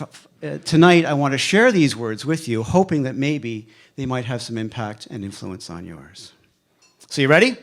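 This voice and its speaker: A man of fifty giving a motivational speech to a live audience, emphatic, with a repeated refrain and dramatic pauses. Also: fairly high pitch. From Canada. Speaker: speaker at a live evening event.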